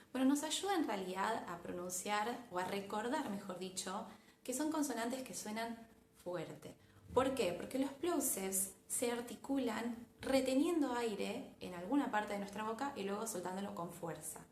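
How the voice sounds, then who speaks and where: A young woman with an Argentine Spanish accent, teaching English pronunciation in an online lesson with clear, emphatic delivery and exaggerated example sounds. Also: medium pitch, echoey room, slight background noise.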